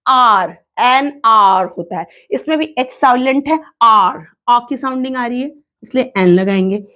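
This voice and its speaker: Fairly high-voiced woman teaching grammar. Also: bright, forceful tone. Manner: repeats words slowly to drill pronunciation; asks questions and answers them herself. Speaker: English teacher. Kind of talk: classroom-style grammar lesson.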